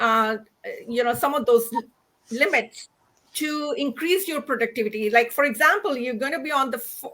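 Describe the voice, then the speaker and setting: A middle-aged woman from India hosts a livestream talk. Her voice sits high and sounds bright and sharp. She explains her topic earnestly, pausing often with fillers and restarting her sentences. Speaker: host.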